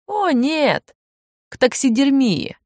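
A woman's voice: high voice, very animated, takes it slowly, a little mellow, no room sound, clean studio sound, voice pushed up, exaggerated voice. A woman reading as a wry grown man explaining. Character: amused, knowing grown man, a club worker.

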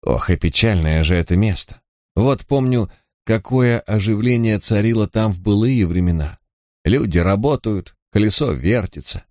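A man's voice: lowish voice, lively intonation, normal speed, darkish tone, no echo, clean studio sound, natural voice. A man voicing an old male villager and poacher who tells his story in a rambling, mournful way. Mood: rueful. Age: over 60.

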